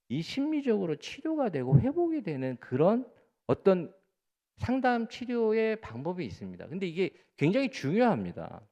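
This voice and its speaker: A man preaching a sermon as pastor, speaking earnestly to the congregation and repeating words for emphasis. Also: big-room sound. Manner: earnest preaching with rising emphatic peaks and soft low endings; addresses the congregation directly, often repeating words.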